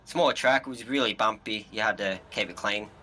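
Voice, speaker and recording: Australian man, blokey tradie manner, bright forceful voice, casual interview chat, slangy. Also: lowish voice, a little fast, a little hiss or hum. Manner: laid-back blokey tradesman-like slang. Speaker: winning sim racing driver being interviewed. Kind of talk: casual post-race interview.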